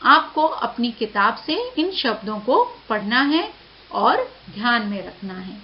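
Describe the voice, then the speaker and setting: A woman teacher giving a lesson to children, saying each word slowly and clearly and repeating it for them. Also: fairly high pitch, sing-song. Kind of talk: slow classroom lesson to children. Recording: dull lo-fi audio with faint hiss.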